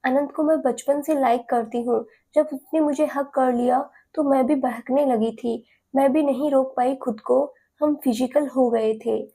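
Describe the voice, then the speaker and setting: A woman's voice: sits high, fairly even intonation, measured pace, warm tone, slightly rough, full character voice. A woman voicing a scheming young woman who pleads tearfully and feigns innocence in an audio story. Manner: whiny, tearful and sugary.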